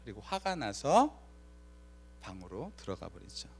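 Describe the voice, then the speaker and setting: A man's voice: lowish voice, unhurried, creaky, slightly rough. A man preaching a Friday night sermon as pastor, telling a story with acted-out lines and questions to the congregation. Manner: lively storytelling, acts out quoted lines, asks the congregation questions. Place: church sanctuary.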